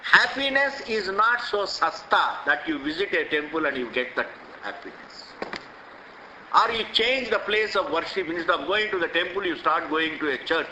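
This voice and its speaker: A man's voice: on the high side, lively intonation, moderate pace, bright, forceful tone, a little hiss or hum. An older man with an Indian accent giving a spiritual discourse, emphatic and repetitive, full of rhetorical questions, recorded in an echoey hall. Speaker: swami teaching scripture.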